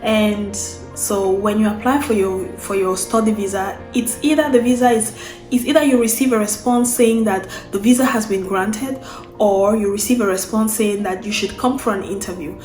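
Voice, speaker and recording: A woman's voice: medium pitch, moderate pace, a little mellow, roomy sound, soft background music. A young Cameroonian woman, a vlogger, explaining a process in casual unscripted talk, often restarting and repeating phrases as she goes.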